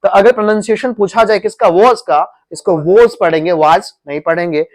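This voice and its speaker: In an Indian coaching-class classroom, a man teaches grammar, firing questions at his students and making them repeat the answers. His voice sits high and he talks a little fast.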